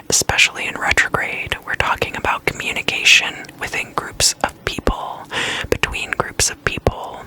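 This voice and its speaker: A speaker giving a whispered astrology forecast, talking slowly and thoughtfully with frequent pauses and fillers. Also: bright, forceful tone, low-quality recording. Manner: whispering throughout; slow, thoughtful, with many fillers.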